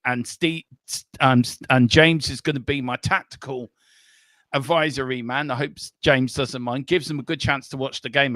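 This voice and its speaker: A man's voice: fairly high pitch, pushed and bright, no echo. A man hosting a live football watchalong, chatting eagerly with frequent ums, recorded close on a headset mic. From Ireland. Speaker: watchalong host. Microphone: earpiece headset on a live stream.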